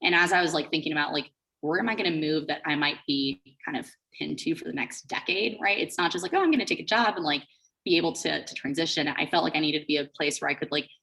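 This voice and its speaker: Deep, creaky and sharp-toned, a woman's voice moves quickly as she presents as a guest speaker. She co-founded a startup, comes from Switzerland and the Bahamas, and explains things informally, filling her talk with "like" and "you know."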